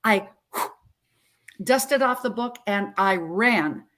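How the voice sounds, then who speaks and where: A woman in her sixties, a health coach telling her story as an interview guest in an animated, emphatic way. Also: mid-range voice, slow. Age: 60s. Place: Central Florida.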